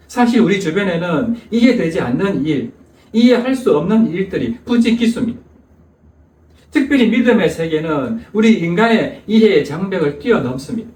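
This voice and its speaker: A male pastor delivers a sermon in a high, lively voice, telling stories emphatically. The sound is distant and fills a reverberant church sanctuary. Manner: storytelling preacher, emphatic. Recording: echoey church hall, distant mic.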